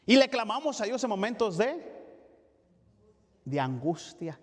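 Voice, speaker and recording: Pastor guy, kinda high voice, halting bible study talk full of fillers, echoey church. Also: big pitch swings. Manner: halting, with frequent fillers and restarts, asking "¿verdad?". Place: church sanctuary. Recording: long church reverb.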